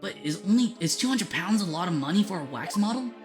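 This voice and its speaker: A woman's voice: on the low side, animated, fast talker, music in the background, voice pushed up, lightly acted. A woman voicing an earnest, hesitant young male anime protagonist in a polite boyish voice. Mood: puzzled, hesitant. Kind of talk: reading visual novel dialogue aloud.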